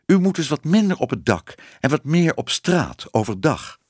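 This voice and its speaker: A man's voice: fairly high pitch, big pitch swings, normal speed, breathy edge, no echo, studio quality, voice pushed up. A man reading a storybook aloud, voicing a shy, fussy man who lectures and exclaims while trying to be strict. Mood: lecturing. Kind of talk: audiobook reading.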